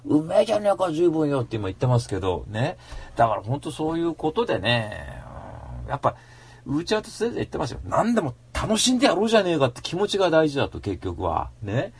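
Husky man, rapid chatter, lively swooping pitch, casual radio monologue, slangy mock-angry rants. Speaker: radio show host.

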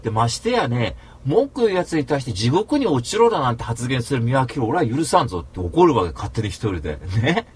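A man hosting a talk show, telling a rambling story in rough, casual speech and flaring into mock rants. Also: mid-range voice, big pitch swings, brisk, few pauses. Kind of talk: casual monologue.

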